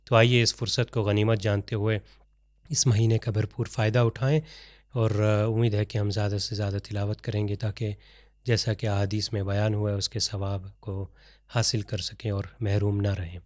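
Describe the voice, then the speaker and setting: A man teaching an online Quran recitation lesson, explaining step by step with examples and reciting Arabic verses slowly. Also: fairly low pitch, level tone, darkish tone, no echo, clean studio sound.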